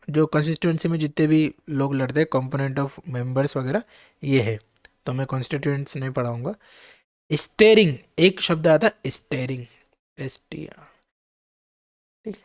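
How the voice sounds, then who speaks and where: A man's voice: a little high, moderate pace, long pauses, no echo, studio quality. A man teaching English vocabulary to exam students, spelling each word out letter by letter and checking in with his listeners.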